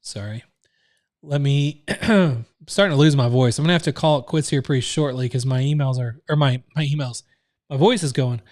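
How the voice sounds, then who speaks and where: In a live screen-share training, the host explains steps casually and loosely, restarting often and using plenty of fillers. His mid-range voice is a little mellow at a moderate pace, recorded dry in studio quality.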